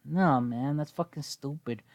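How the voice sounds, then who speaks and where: A man's voice: fairly high pitch, measured pace, a little mellow, no room sound, studio quality. A man in his twenties giving casual, rambling gameplay commentary, slightly wheezy from a cold, laid-back and given to swearing. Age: 20s. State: coming down with a cold. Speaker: gaming video host.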